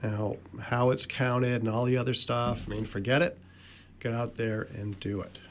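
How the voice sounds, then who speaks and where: A man studio guest on a radio discussion, speaking in a gruff, plainspoken way. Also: mid-range voice, level tone, moderate pace, slight background noise.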